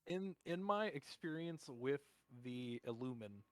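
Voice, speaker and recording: A man's voice: mid-range voice, lively intonation, a little slow, dry recording. A man playing a tabletop game, chatting casually, joking and laughing often. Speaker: player.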